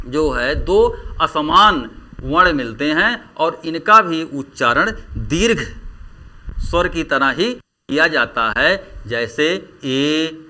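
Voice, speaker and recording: A man teaching Hindi grammar in a lecture, drawing out vowels slowly as he demonstrates them. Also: on the high side, sharp tone. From India. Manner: slow, drawn-out vowel demonstrations. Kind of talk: classroom lecture.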